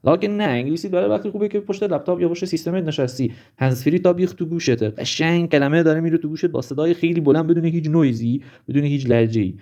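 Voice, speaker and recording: A man's voice: a little high, few pauses, mellow. A man talking casually in a vlog, animatedly listing example after example. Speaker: vlogger. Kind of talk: casual monologue.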